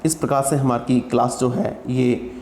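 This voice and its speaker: A man's voice: mid-range voice, level tone, moderate pace, a little mellow, roomy sound, in a large hall, slight background noise. A man with an Indian English accent giving an exam prep lecture, drilling word pronunciations by repeating each one several times. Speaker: teacher.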